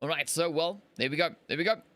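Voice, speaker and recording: Fast and a bit bright, this fairly high male voice belongs to an esports caster from Africa covering a mobile battle royale tournament alone on stream. He is chatty and rambling, filling gaps with fillers and laughing at his slips.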